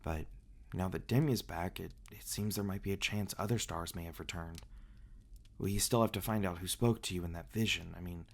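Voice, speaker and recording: In an intimate ASMR fantasy roleplay, a man voices a reclusive male vampire, speaking low and creaky in a soft, halting murmur. He comes across as tender and protective, with a solemn, thoughtful mood.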